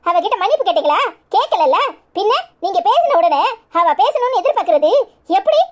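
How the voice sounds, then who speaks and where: A woman voicing a shrill scolding cartoon mother. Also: animated, a little fast, darkish tone. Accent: Kanyakumari Tamil. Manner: scolding, firm. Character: sharp-tongued cartoon mother, Aisu. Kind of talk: cartoon voice acting.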